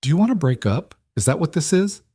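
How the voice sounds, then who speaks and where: A man's voice: on the high side, sing-song, brisk, dark tone, slightly rough, dry recording, clean studio sound, voice pushed up. A man voicing a distraught young woman who pleads and argues with a lover, in a dramatic story reading. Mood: heated. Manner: pleading, heated. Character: distraught young woman, fierce, desperate in love.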